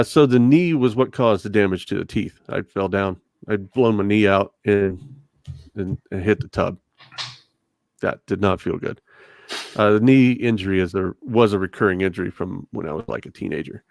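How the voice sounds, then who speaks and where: A middle-aged man with a fairly low, gravelly voice chats casually as a podcast guest, telling stories interview-style. He's recorded close up on a desktop condenser mic with a pop filter in an indoor home room with a bookshelf, and there's no echo.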